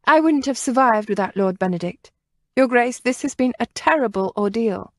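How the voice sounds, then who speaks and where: A woman's voice: fairly high pitch, expressive, moderate pace, no echo, pitched above the performer's own voice, lightly acted. Woman voicing a frightened young noblewoman. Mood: distressed.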